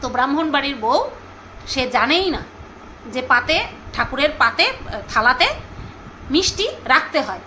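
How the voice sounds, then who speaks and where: A woman chatting casually to her viewers, gossipy and talkative, often pausing to search for names aloud. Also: sits high, lively intonation, bright, forceful tone, slight background noise, poor audio. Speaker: vlogger reviewing a serial.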